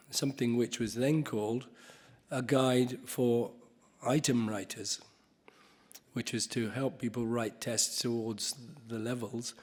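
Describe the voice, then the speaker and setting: Chairing a conference panel in a hall, a man speaks off the cuff at a middling pitch with a breathy edge. He halts and restarts frequently and coughs now and then.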